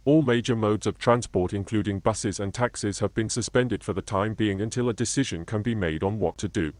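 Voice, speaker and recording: A man working as a continuity announcer reads a scripted emergency broadcast announcement in a formal, measured way. His voice is on the low side and a little mellow, with no room sound.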